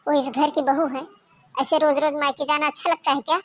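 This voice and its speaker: A sharp-tongued middle-aged cartoon mother-in-law who nags and taunts, voiced by a woman. Her voice sits high. She talks in a bossy, scolding way. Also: steady tone, brisk. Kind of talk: Hindi cartoon voice acting.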